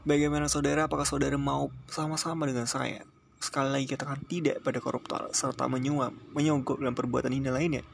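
A man's voice: mid-range voice, little pitch movement, fast, gravelly, a little hiss or hum, close to an everyday voice. A man voicing a male party orator rousing a crowd with declamatory questions, in an audiobook reading.

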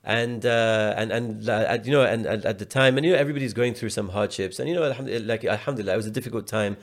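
A man's voice: on the low side, very fast. A man from the UK, a podcast guest telling a personal story in a slangy, casual way, often restarting and repeating words.

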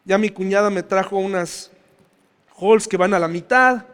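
A man's voice: high voice, moderate pace, fairly bright tone, clean tone. A male pastor giving a conversational sermon, often putting questions to his congregation. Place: church. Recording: long church reverb.

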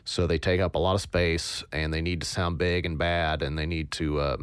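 A man in the role of sound designer, explaining his process in a casual tutorial with a low, monotone voice, hesitant and thinking aloud. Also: normal speed, clean tone, no echo.

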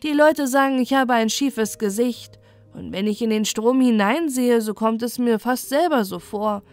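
A vain old moon, pompous and full of plans, put on by a woman reading a storybook. The voice is raised and fairly high, with faint music behind. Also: normal speed, a little mellow, no echo, close to an everyday voice. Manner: pompous, scheming. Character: boastful good-natured old male moon.

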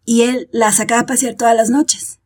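A woman's voice: fairly high pitch, steady tone, moderate pace, darkish tone, slightly rough. A woman, a parenting expert explaining her ideas in a podcast conversation and acting out examples in quoted voices.

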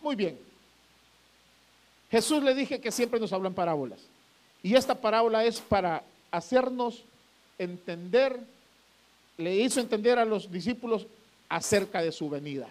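A man's voice: high-pitched, expressive, normal speed, pauses often. A man, a pastor, preaching a sermon to his congregation, drawing out phrases and building to emphatic peaks.

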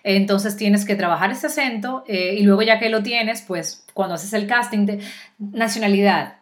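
A woman with a Dominican accent, an actress chatting as a guest in an interview, animated and talkative with quick restarts. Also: mid-range voice. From Dominican Republic. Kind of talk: casual interview chat.

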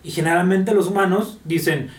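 A man with a Mexican Spanish accent talks through dog training as a podcast guest, pitched a little high. He sounds set back from the mic, and the room echoes around him. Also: steady tone, normal speed, recorded from a distance. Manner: explanatory, acts out owners' scolding in high voice. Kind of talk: casual podcast explanation.

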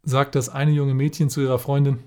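A man co-hosting a podcast reads jokes aloud as part of a casual chat, regularly breaking into laughter. He speaks fairly quickly at a medium pitch, with a flat delivery and a darkish tone.

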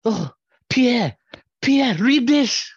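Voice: medium pitch, lively intonation, extremely slow, slightly rough, full character voice. A performer playing a timid, nervous young French intern in an improvised comedy sketch. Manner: timid, pleading. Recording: dull lo-fi sound.

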